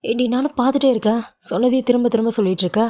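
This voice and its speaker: A woman voicing a proud, hot-tempered young husband who talks in a sharp, insistent way. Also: mid-range voice, flat delivery, brisk, lightly acted. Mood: angry.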